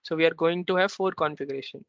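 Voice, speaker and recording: A man's voice: a little high, fast talker, a bit bright, clean tone, dry recording. Man teaching on a video call. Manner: explains step by step, often ends with a questioning "right?". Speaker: workshop instructor. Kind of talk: technical tutorial walkthrough. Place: remote meeting. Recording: slightly muffled, dry video call audio.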